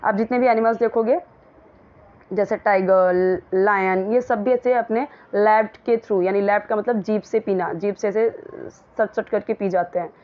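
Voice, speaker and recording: Woman, English teacher, slow unhurried delivery, slightly muffled sound. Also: mid-range voice, fairly even intonation. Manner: reads English slowly and clearly, then explains at length in chatty Hindi. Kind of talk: explaining an English story line by line in Hindi.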